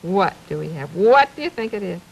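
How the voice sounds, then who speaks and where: A woman presenting a 1950s children's television show, talking to young children in simple phrases with many questions and a gentle, drawn-out sing-song delivery. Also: lowish voice, animated, gravelly, breathy edge. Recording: noisy 1950s television archive recording.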